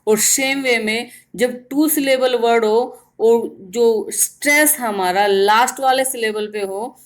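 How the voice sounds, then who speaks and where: A woman teaching grammar in Hindi, explaining step by step and repeating words slowly to show their stress. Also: on the high side. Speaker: English teacher. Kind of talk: grammar lesson in Hindi with English terms.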